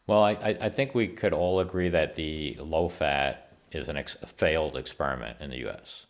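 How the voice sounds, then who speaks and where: A middle-aged man with a low, deep voice answers interview questions as a scientist guest. He talks in a measured, explanatory way and often restarts his phrases. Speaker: guest scientist and company founder.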